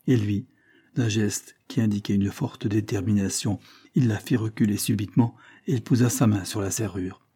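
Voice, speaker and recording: Dark-voiced man narrating a novel. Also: on the low side, steady tone, normal speed, breathy edge. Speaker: audiobook narrator. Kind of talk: literary audiobook reading.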